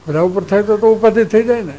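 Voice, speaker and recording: A man's voice: high voice, fast, warm tone, lo-fi sound. A man, a spiritual teacher giving a discourse who tells stories and acts out exchanges. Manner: storytelling, acts out exchanges, chuckles.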